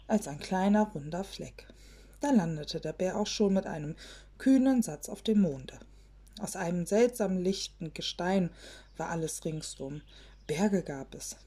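A woman reading a children's fairy tale aloud in a gentle storybook manner, sometimes dropping to a hush. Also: fairly low pitch, slightly rough.

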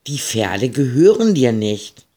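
A man's voice: mid-range voice, sing-song, slow pace, mellow. A man voicing a stern, impatient farm woman who scolds in a grumpy tone.

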